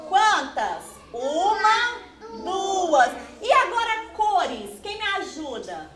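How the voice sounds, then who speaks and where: A woman's voice: extremely high pitch, sing-song, crowd noise. A woman teacher having children clap out the syllables of words. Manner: slow, drawn-out counting questions. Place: classroom. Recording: echoey classroom with background noise.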